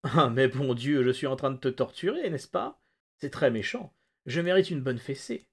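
A man's voice: mid-range voice, lively intonation, moderate pace, slightly rough. A man doing a silky, mocking devil of a stranger. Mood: mock-friendly. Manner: silky, taunting, mock-friendly. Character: sinister, mocking male stranger with false warmth. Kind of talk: audiobook-style reading.

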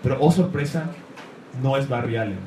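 A man's voice: mid-range voice, normal speed, warm tone. A man giving an enthusiastic talk about comics to a live audience, rambling and searching for words. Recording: echoey room, faint noise.

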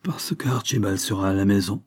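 A man voicing a timid, gentle young noble wife who speaks softly and apologetically. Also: on the low side, brisk, slightly rough. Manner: soft and apologetic.

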